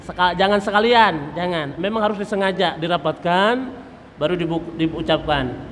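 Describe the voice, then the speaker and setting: In a mosque hall, a man gives a tajwid lesson, patiently drilling letter sounds and chanting example verses from the Quran. His voice is high-pitched and a bit bright at normal speed, and the hall is reverberant with faint noise.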